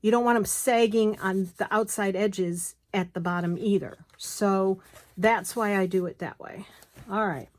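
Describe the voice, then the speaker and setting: Slow-talking woman explaining her craft. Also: mid-range voice, steady tone. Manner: chatty, talks to herself while working, apologetic asides. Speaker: crafter demonstrating bookbinding. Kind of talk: casual hands-on tutorial. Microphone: phone camera close by.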